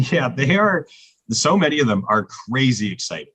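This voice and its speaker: A man who programs a music festival, chatting on a podcast and telling excited stories with animated quoted dialogue. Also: mid-range voice, unhurried, husky, no room sound. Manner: excited storyteller, lively acted-out quotes. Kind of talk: casual podcast conversation.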